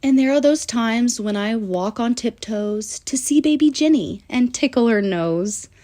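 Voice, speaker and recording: A woman with a fairly high pitch reads a rhyming picture book for kids. Her storytelling is animated and sing-song, marked by deliberate pauses.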